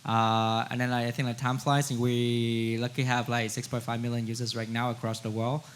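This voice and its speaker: A man from Vietnam speaking on a conference panel, halting, with many fillers. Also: mid-range voice, flat delivery, a little hiss or hum. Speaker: panelist, crypto wallet founder. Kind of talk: panel discussion answers.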